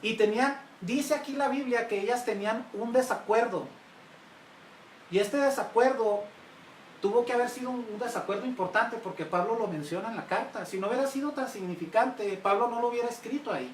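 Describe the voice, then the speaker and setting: Pastor preaching in a roomy hall. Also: male voice, very high voice, brisk. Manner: engaging, questions the congregation often. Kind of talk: sermon. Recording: roomy, mic at a distance, faint hiss.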